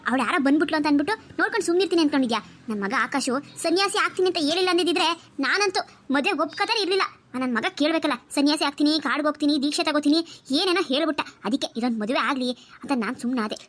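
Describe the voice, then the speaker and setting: A woman's voice: sits high, very fast, fairly bright tone. A woman voicing a domineering, scheming middle-aged aunt in a cartoon, bossy and conspiratorial. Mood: reassuring scheming. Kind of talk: cartoon voice acting.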